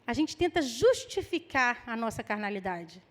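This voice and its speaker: A woman with a Brazilian Portuguese accent preaching a lively sermon, acting out people's excuses in mock voices. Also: fairly high pitch, moderate pace.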